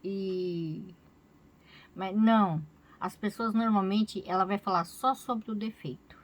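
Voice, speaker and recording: A woman's voice: mid-range voice, slow pace. Chatty Brazilian woman rambling to camera. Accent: Brazilian Portuguese. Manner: rambling, chatty, keeps adding "né?". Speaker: crochet vlogger. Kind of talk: casual chat to camera.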